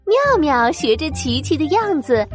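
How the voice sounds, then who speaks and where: A woman narrating a children's story in an animated, sing-song way. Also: high voice, unhurried, soft background music.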